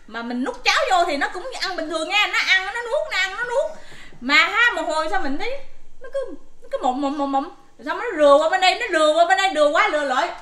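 A mother telling a family story in a casual vlog, animated and full of exclamations. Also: very high-pitched, fast, echoey room.

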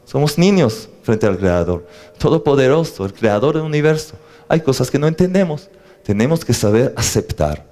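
Animated man teaching on faith. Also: medium pitch, moderate pace. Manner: animated, asks the audience questions, jokes. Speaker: religious teacher. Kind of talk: lecture on faith to a live audience.

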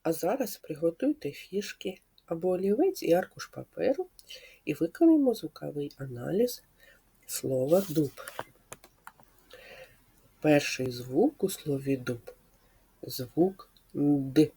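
A woman speech therapist leads a slow, clear lesson for preschool children, patiently asking questions and confirming their answers. Her voice sits low, sing-song and mellow.

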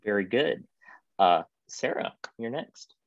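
A man's voice: lowish voice, lively intonation, slow. Upbeat man moderating a video panel. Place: home room with piano. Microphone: video call, earbuds. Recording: dry, dull video-call audio.

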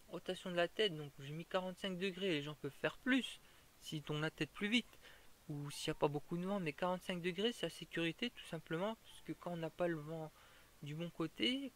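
Man explaining a tutorial, slightly high voice. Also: fairly bright tone. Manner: informal, many restarts and fillers, explaining step by step. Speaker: fire-breathing instructor.

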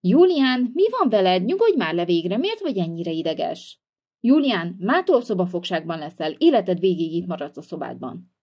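A bossy mother, voiced by a woman in a toy-figure video, scolding and fed up. Her voice is mellow and swings widely in pitch. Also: big pitch swings. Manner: scolding and exasperated.

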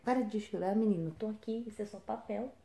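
A woman's voice: medium pitch, quick pace, gravelly, warm tone. A mother with a Brazilian accent filming a casual home vlog, teasing her son and calling out to viewers. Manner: playful, teasing, exclaiming to viewers. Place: home room at night.

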